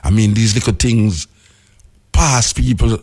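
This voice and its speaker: A man's voice: on the low side, unhurried, a little mellow, husky. A man with a Jamaican accent talking in Rasta speech with Patois grammar, explaining things emphatically and repeating key phrases.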